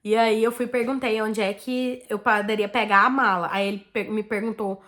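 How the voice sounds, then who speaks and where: A Brazilian woman vlogger with a Brazilian Portuguese accent tells her viewers a personal story in a mid-range voice at a moderate pace. She's chatty and animated, sprinkling in "tipo assim" and "né" as she goes.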